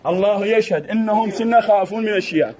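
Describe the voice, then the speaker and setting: Brief: young man, high-voiced, rapid-fire, pushy and loud, with a crowd behind him. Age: young adult. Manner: insistent, repeats himself, raises his voice. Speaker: visitor confronting worshippers. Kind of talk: heated argument. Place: inside a mosque. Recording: noisy crowd in a mosque.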